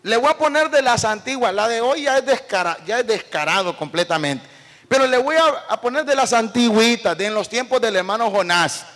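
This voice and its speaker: A male pastor preaching a fervent sermon, swinging between loud calls and hushed asides. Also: very high voice, animated, a little fast. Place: church. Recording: preacher with long church-hall reverb, faint music.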